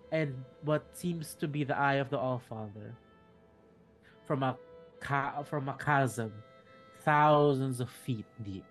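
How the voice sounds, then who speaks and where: Guy dm-ing a tabletop game, stops and restarts a lot, faint music behind. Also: mid-range voice. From Philippines. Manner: halting, restarts mid-sentence. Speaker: dungeon master.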